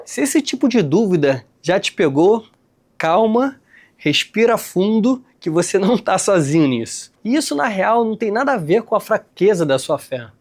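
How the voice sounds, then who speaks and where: A young man from Rio de Janeiro, hosting a casual explainer and talking straight to his viewers in relaxed slang. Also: high-pitched, normal speed. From Rio de Janeiro, Brazil. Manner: conversational, addresses viewers directly with slang. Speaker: host, licensed tour guide.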